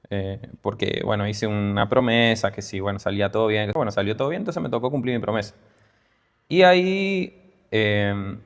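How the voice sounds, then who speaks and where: A Peruvian-born man with a Rioplatense Spanish accent, a guest telling his business story in a casual interview, full of fillers and restarts. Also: mid-range voice. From Peru. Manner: hesitant, many fillers and restarts. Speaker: guest entrepreneur.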